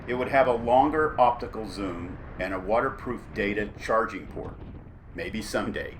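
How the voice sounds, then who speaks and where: A man's voice: on the low side, a bit bright. A man giving a scripted narration as a weather journalist reviewing gear. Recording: clear background noise, storm ambience.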